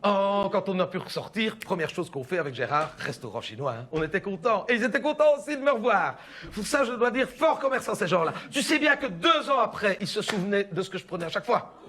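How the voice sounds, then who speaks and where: Sharp in tone, high and fast, a comedian's animated voice carries his impression of a gossiping middle-aged mother with a Belgian French accent. His rambling stand-up monologue is confiding and full of "hein" and "écoute bien."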